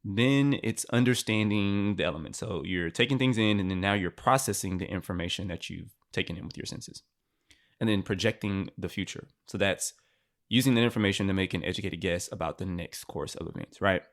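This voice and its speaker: A man's voice: low-pitched, fairly quick. A man co-hosting a podcast, talking loosely and conversationally, with lots of "like" and "right?" tags. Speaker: podcast co-host. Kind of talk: casual chat.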